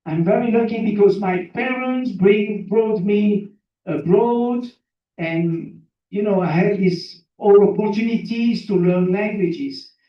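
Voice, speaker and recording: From Belgium and born in Burundi, this native French speaker with a French accent is a seminar guest speaker giving a motivational talk about his own life. He uses simple English, repeats phrases for emphasis and asks listeners questions, speaking slowly in a voice that sits high. The sound is muffled, with a distant mic in a very echoey room.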